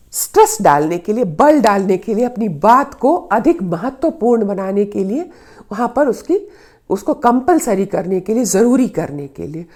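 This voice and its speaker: A woman's voice: mid-range voice, darkish tone. A woman teaching Hindi grammar in a patient lesson, repeating her example sentences and stressing the key words. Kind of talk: explanatory lesson.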